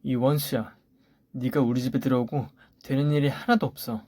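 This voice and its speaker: A man's voice: mid-range voice, steady tone, moderate pace, darkish tone, no echo, clean studio sound, close to an everyday voice. A man voicing a scheming older mother-in-law who scolds her daughter-in-law with cutting remarks, in a story radio drama. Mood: scornful.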